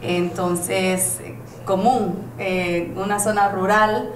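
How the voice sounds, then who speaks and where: A woman's voice: medium pitch, steady tone, extremely slow. A middle-aged woman from El Salvador with a Salvadoran accent, recalling her childhood in a casual interview. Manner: storytelling, reflective. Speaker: guest author. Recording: roomy with faint noise.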